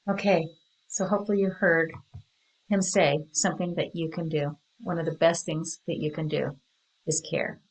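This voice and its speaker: A woman presenting a training workshop in an earnest, measured way, speaking steadily to her audience. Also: deep voice, fairly even intonation, low-quality recording. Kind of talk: prepared training talk.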